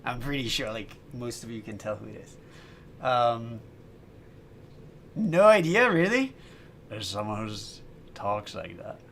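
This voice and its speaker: A man's voice: mid-range voice, big pitch swings, unhurried, vocal fry, pauses often, fairly bright tone, a little hiss or hum. A man chatting casually on a livestream while making music, laughing often and restarting his sentences. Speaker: streamer and musician.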